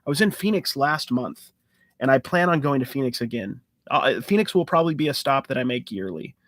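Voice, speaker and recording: In a dry, studio-quality recording, a sports card channel host speaks at medium pitch, expressive and brisk with a fairly bright tone. He runs a casual live-stream Q&A, rambling loosely with fillers and restarts, keen on card hunting.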